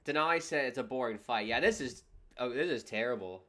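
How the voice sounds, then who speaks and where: Male streamer, mid-pitched, wry live fight commentary, exasperated. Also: brisk, bright, forceful tone. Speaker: livestream host reacting to a boxing match.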